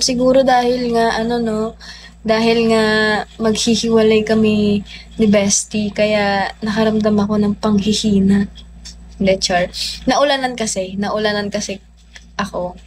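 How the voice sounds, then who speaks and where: A young woman livestreaming, telling a personal story in a chatty, animated way with lots of fillers. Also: a little high, a little hiss or hum. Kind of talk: casual storytelling.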